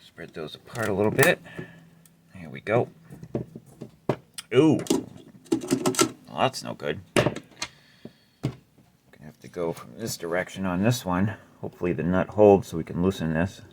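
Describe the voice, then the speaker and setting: A man's voice: low voice, expressive, unhurried, long pauses, very noisy. A man hosting a casual repair tutorial, explaining step by step in a laid-back way with some mild cursing. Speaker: amplifier repair host.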